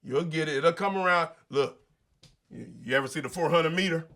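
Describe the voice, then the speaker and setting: Bright, emphatic motivational man. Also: on the high side, brisk, a little hiss or hum. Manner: preachy, emphatic, colloquial, with rhetorical questions. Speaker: show host. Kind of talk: motivational monologue.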